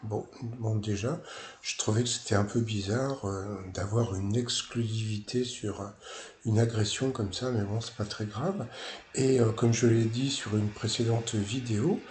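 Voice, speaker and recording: A man giving casual video commentary in a hesitant, halting way. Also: fairly low pitch, steady tone, a little mellow. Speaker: YouTube commentator. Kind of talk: casual spoken commentary on TV news. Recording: echoey room with faint noise.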